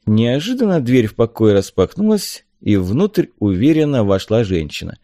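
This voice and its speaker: A man narrates an audiobook with measured, expressive storytelling in a medium-pitched voice. The recording is clean studio sound with no room sound.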